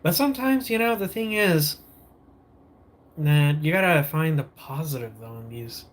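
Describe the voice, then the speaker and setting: A man's voice: a little high, lively intonation, unhurried, slight background noise. A man hosting a casual morning livestream, sipping coffee, greeting viewers and rambling, often losing his train of thought and restarting. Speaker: livestream host.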